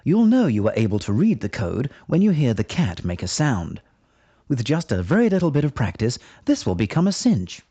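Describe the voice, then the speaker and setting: A man's voice: medium pitch, wildly swooping pitch, normal speed, mellow, breathy edge, no echo. A man reading a scripted installation tutorial in a chatty, reassuring, instructive manner, on dull, muffled audio. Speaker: instructional video narrator.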